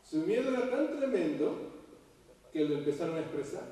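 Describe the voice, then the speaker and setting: Preacher echoing from far in a hall. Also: male voice, fairly high pitch, moderate pace. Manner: animated, rising loud for quoted cries and rhetorical questions. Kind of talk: sermon. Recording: echoey hall heard from far off.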